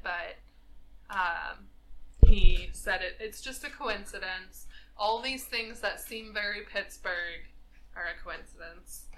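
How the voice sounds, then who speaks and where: Bright-voiced chatty woman co-host. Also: mid-range voice, rough recording. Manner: chatty, meandering, many fillers. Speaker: podcast co-host. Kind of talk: casual chat.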